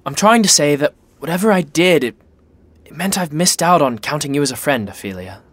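An actor playing a blunt, sarcastic young prince who talks in slang and swears freely. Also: male voice, a little high, expressive, brisk, a bit bright. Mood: teasing.

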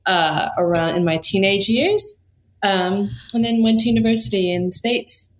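A woman's voice: mid-range voice, lively intonation, normal speed. A woman in her thirties, raised in the UK, speaking as a podcast guest in a dry, joking, matter-of-fact way. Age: 30s. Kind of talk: casual interview chat. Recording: echoey room.

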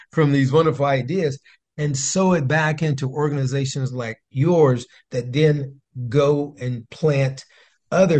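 A man hosts an interview show, speaking at a middle pitch. He asks his questions with enthusiasm and encouragement. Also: a little mellow. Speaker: show host. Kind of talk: casual interview talk.

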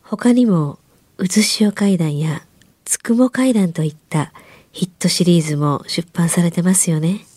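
A woman hosting a radio show, reading a scripted ghost-story introduction in a hushed, creepy, breathy way. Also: on the low side, animated, normal speed, no echo.

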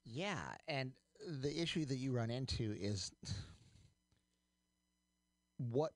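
A man's voice: medium pitch, slow, no room sound. Guy co-hosting a tech radio show, rambly and chatty, mid voice, dry sound. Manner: chatty, hesitant with fillers and repeats. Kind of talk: casual tech talk radio chat.

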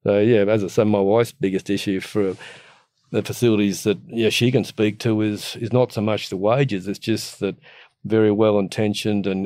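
Blunt, matey Australian bloke, low-pitched. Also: male voice, a little mellow, dry recording, studio quality. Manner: blunt, matey, earthy Aussie tradesman way of talking with slang and mild swearing. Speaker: guest giving opinions. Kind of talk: casual opinionated rant.

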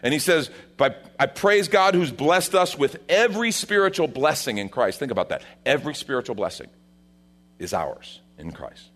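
A man, the senior pastor of a church, preaching a sermon at a pulpit microphone in a conversational way, rising for emphasis and dropping low for quieter points. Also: expressive, normal speed.

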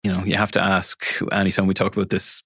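Man, west of Ireland accent, low voice, dry close sound, conversational explainer. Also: monotone, quick pace, a bit bright, husky, dry recording. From Galway City, west of Ireland. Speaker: interview guest explaining online media.

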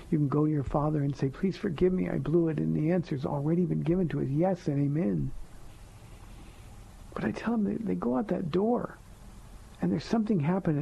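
On a live call-in program from a radio studio, a pastor with a soft-spoken, gravelly and husky voice, pitched a bit high for a man, responds to listeners' questions. His manner is gentle and earnest, with slow, emphatic phrasing, and the broadcast sounds dull and lo-fi.

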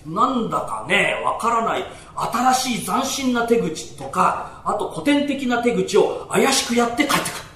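Brief: storyteller doing a brash Edo burglar, rough street talk, lively swooping voice, live in a roomy hall. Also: male voice, very high voice, unhurried, few pauses, full character voice. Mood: sheepish. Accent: Tokyo downtown speech. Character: brash, greedy male burglar, cocky and easily fooled. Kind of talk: rakugo storytelling. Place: small storytelling hall before an audience. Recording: roomy hall with faint noise.

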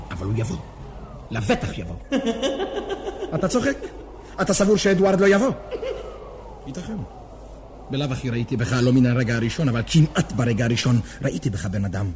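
A man's voice: mid-range voice, very animated, pauses often, a little mellow, a little hiss or hum, natural voice. An actor playing an anxious, earnest man who pleads and rambles with nervous laughs in a stage drama. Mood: anxious pleading. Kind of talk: theatrical drama acting.

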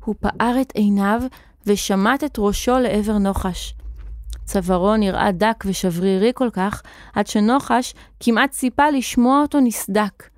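A woman storyteller narrating a children's audio story with expressive, vivid reading. Her voice sits at a middle pitch and is recorded close and dry, with no room sound. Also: dry recording.

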